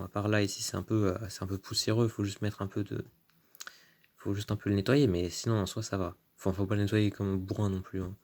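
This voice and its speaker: A man's voice: lowish voice, a little mellow. Chatty man showing off his cards. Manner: chatty, trailing fillers like "euh" and "hein"; enthusiastic, drawn-out card names. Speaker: YouTuber showing his card collection. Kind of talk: casual unboxing-style vlog commentary.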